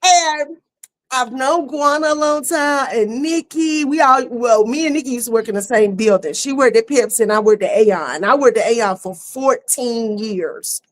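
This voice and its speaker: A middle-aged woman hosting a casual online talk show, lively and laughing, with easy "y'all" talk. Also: on the high side, normal speed. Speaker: host. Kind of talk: casual chat. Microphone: streaming setup.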